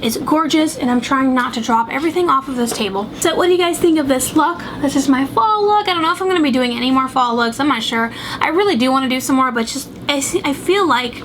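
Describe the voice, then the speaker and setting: High-voiced and animated, this young Southern American woman talks fast with few pauses and a slightly bright tone. She's a beauty vlogger doing a chatty get-ready-with-me makeup tutorial at her home makeup table, congested and sniffly, rambling, doubting herself, and filling gaps with fillers in a noisy home recording.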